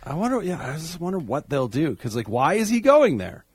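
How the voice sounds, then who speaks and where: Podcast co-host, male, animated and rambling, with a very lively, swinging delivery, recorded dry and close. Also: a little high, brisk, husky, no echo. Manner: animated, rambling, jumps to loud excited bursts. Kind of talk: casual chat about wrestling.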